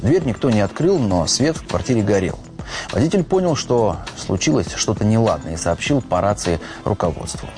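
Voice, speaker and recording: A man narrates a scripted crime story in a fairly low voice. Music plays clearly underneath his narration. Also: big pitch swings, moderate pace.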